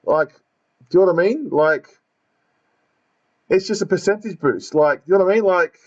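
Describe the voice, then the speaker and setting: A man's voice: high-pitched, moderate pace, a little mellow, highs cut off. A man with a broad Australian accent hosting a casual football podcast, blokey and given to repeating himself. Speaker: podcast host.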